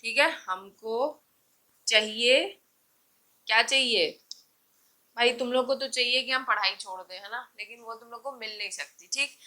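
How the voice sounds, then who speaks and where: A woman's voice: fairly high pitch, moderate pace, long pauses, bright, forceful tone, low-quality recording. A woman teaching chemistry in a classroom-style lecture, asking rhetorical questions and answering them herself, with light teasing of her students.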